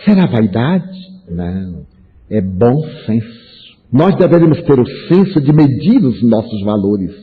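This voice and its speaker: A man's voice: medium pitch, very animated, measured pace. A man in his seventies with a Brazilian Portuguese accent gives a spiritist lecture, telling humorous stories and acting out little dialogues. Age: 70s. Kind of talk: lecture to an audience. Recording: tinny phone-like sound.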